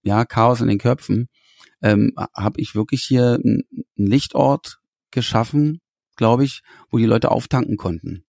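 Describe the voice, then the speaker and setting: Speaking at a measured pace in a creaky, mid-range voice, this man is a musician being interviewed. He's animated and keeps restarting his sentences as he searches for words, and the recording is dry and studio quality.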